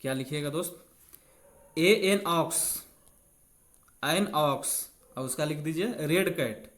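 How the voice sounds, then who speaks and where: This physics teacher takes it slowly, his voice a little high and a bit bright, as he reads out exam questions and breaks them down step by step. He chats with students like friends, repeats key phrases and slips English technical terms into Hindi.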